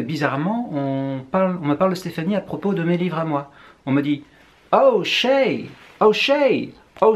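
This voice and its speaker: A French man, a writer, musing through a book review with wry asides. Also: mid-range voice. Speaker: writer presenting books.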